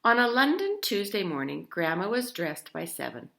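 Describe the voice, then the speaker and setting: Reading a children's picture book with animation, this woman speaks in a creaky, mid-range voice at a moderate pace. She keeps turning to her young audience with questions.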